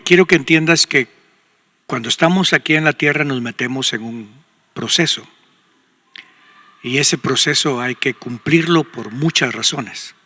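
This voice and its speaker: A man's voice: medium pitch, bright, forceful tone, big-room sound. An older man with a Guatemalan Spanish accent, a pastor and radio host giving pastoral counsel in a conversational, emphatic way. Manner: conversational, emphatic, acts out quoted speech.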